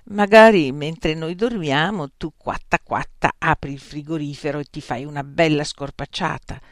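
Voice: medium pitch, normal speed, no echo, studio quality, close to an everyday voice. A narrator voicing Beatrice, a gloomy heavy woman who whines and complains in a storybook reading. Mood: plaintive. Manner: whiny and complaining.

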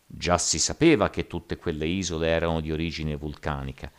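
A man voicing a stern older sea captain, explaining things in a measured way, in an audiobook reading. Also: a bass voice, fairly even intonation, clean tone.

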